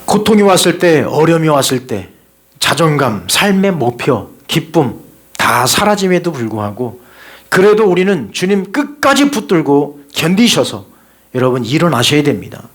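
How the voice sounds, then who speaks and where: A male pastor delivers a sermon, his voice sitting a little higher than most men's. He exhorts his congregation earnestly and keeps them engaged with rhetorical questions. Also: sing-song, normal speed. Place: church sanctuary during a live service.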